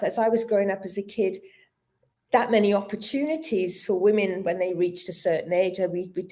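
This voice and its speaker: A yoga teacher in her fifties speaks earnestly and reflectively as a guest in a casual interview, with a mid-range, slightly mellow voice. Her mouth is numb from a dental injection, so her speech is a little clumsy, and she stumbles slightly while searching for words.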